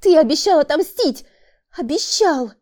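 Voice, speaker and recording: A shrill, high-strung woman who schemes and then panics, pleading and defending herself, as an audiobook narrator plays her. Her voice jumps high and stays tense throughout. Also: animated, moderate pace, warm tone. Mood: panicked. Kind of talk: audiobook character voice.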